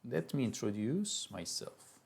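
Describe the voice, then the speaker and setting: A man's voice: medium pitch, big pitch swings, a little slow, vocal fry, darkish tone, slightly rough. A man from Iran with a Persian accent, a university lecturer giving a live classroom lecture in a loose, chatty way with many restarts.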